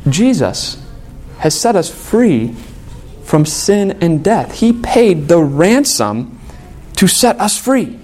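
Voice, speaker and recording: A man's voice: big pitch swings, slow. Earnest male pastor preaching a sermon. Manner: earnest, drops to a soft low voice for quoted words.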